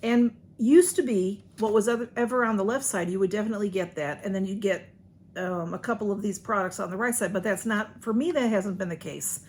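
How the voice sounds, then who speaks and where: A woman's voice: medium pitch, brisk, a little mellow. An American woman chatting casually to viewers as she unboxes, folksy and rambling, with slightly slurred speech. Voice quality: slightly slurred speech from a sore tongue or mouth. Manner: folksy, rambling, says y'all often. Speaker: vlogger doing a beauty box unboxing. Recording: faint background room noise.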